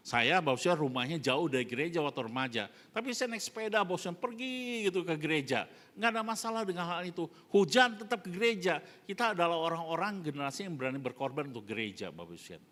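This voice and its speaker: A middle-aged man preaching a sermon as pastor, constantly addressing the congregation and swinging between emphatic rises and hushed phrase endings. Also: fairly high pitch, expressive, very fast. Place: church sanctuary during a live service. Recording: long church hall reverb.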